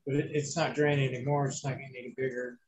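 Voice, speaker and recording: Man with a gravelly, scratchy voice. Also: medium pitch, little pitch movement, rapid-fire. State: bruised, inflamed throat after surgery. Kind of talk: casual chat.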